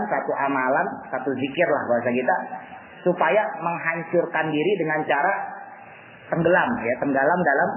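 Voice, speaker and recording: High, lively man teaching in an echoey, tinny recording. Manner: colloquial and joking, acts out quotes. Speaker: religious teacher. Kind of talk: casual religious lecture.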